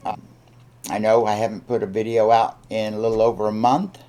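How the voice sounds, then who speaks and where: A man hosting a casual, unscripted vlog update, speaking haltingly with frequent ums and pauses. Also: lowish voice, flat delivery, warm tone. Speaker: video channel host.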